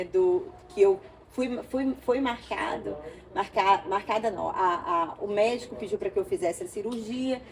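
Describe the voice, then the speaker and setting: A woman from Brazil, an interview guest, telling an emotional personal story with animated storytelling and acted-out dialogue. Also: medium pitch, slight background noise.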